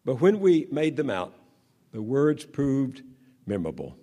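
This journalist, a Southern American man in his 70s, delivers a measured speech full of dramatic pauses that fade into a low hush. He's very animated, and his voice has a breathy edge.

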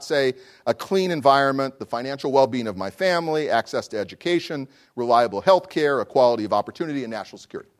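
A man lecturing as a law professor, reading a prepared text in an erudite, formal manner with deliberate phrasing and rhetorical questions. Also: medium pitch.

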